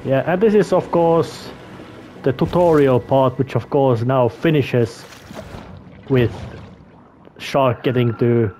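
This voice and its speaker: A man's voice: medium pitch, takes it slowly, pauses often, mellow, slight background noise. A man giving casual gameplay commentary in a rambling, hesitant way, often searching for words. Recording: faint game music behind. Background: faint music.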